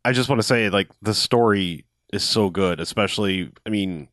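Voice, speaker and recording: Young man, lowish voice, excitable rambling chat, dry close recording. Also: normal speed, no room sound. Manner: enthusiastic, rambling with restarts and swearing. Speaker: podcast co-host. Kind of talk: casual chat about a video game.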